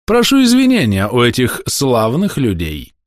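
A man reading an audiobook, voicing a smooth-talking male trader who sounds falsely friendly and faintly ironic. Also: medium pitch, sing-song, fairly quick, no room sound, clean studio sound, pitched above the performer's own voice, close to an everyday voice. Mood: ingratiating.

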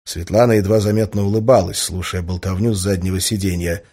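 A man narrating a first-person audiobook in a dry, wry, even manner. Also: low voice, fast.

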